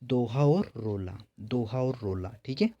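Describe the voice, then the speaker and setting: A man's voice: mid-range voice, unhurried, dark tone, lo-fi sound. A male teacher going through exam questions, asking each one aloud and then answering it himself. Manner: repetitive, quizzing himself and answering. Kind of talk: exam-prep lesson.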